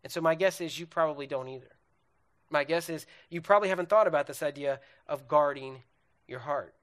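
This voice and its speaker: Speaking fairly quickly in a slightly bright, higher-pitched voice, this young man preaches on relationships in an earnest, conversational way. He goes through questions and feelings one by one, talking straight to his audience and frequently asking "right?".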